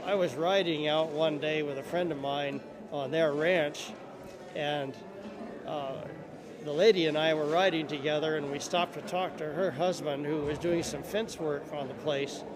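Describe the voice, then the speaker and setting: A man with a fairly high voice tells a personal story in a plain, measured manner. A busy crowd is clearly audible behind him. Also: fairly even intonation. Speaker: horseman telling a personal story. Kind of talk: unscripted anecdote.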